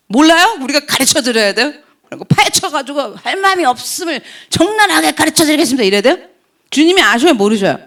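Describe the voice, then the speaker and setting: A middle-aged woman pastor preaching a sermon, asking the congregation questions and acting out voices and sound effects. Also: sits high. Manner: animated, acts out quoted voices and sound effects; asks the congregation rhetorical questions.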